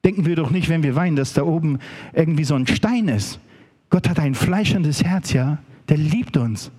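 A man preaching a sermon in a slightly high, husky voice. His tone is mellow and dark, and his delivery is emphatic. He speaks straight to his listeners. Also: lively intonation, normal speed. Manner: emphatic, addresses listeners directly.

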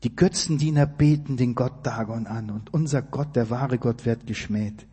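A man preaching a sermon, emphatic and direct, asking his listeners questions and building to loud climaxes. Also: mid-range voice, moderate pace, slightly rough, long reverb tail. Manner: emphatic, rising to near-shouting climaxes.

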